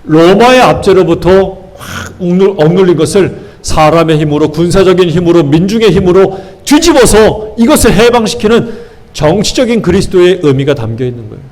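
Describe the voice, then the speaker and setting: A man's voice: high voice, expressive, moderate pace, darkish tone. A male pastor preaching a sermon, asking the congregation rhetorical questions and stressing phrases by drawing them out.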